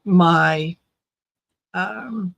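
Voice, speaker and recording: A woman's voice: fairly low pitch, extremely slow, gravelly, fairly bright tone. A middle-aged woman from Croatia, raised in Canada, hosting a tarot livestream and chatting casually with viewers, hesitant, with many ums and easy laughs. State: recovering from low blood sugar, tired. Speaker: tarot reader and livestream host.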